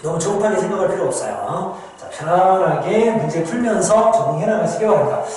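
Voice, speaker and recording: A man's voice: sits high, expressive, a little fast, darkish tone, slight background noise. A man teaching a recorded math lecture, explaining step by step with patient repetition, speaking to his students and answering his own questions. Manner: explains patiently, keeps saying "ja" and addressing students; asks questions and answers them himself. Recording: echoey room with long reverb.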